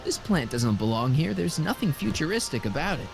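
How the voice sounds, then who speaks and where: An actor playing an earnest, quick-thinking young man, the casual and slightly evasive hero of an adventure game. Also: fairly high pitch, very animated, vocal fry, over music. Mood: determined. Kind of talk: video game voice acting.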